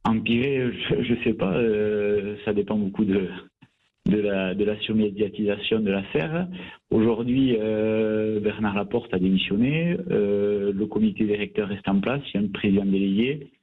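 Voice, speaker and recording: A man's voice: fairly low pitch, moderate pace. A man calling in as a rugby club president guest, speaking hesitantly with many fillers and restarts. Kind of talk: phone-in radio interview. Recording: tinny phone line.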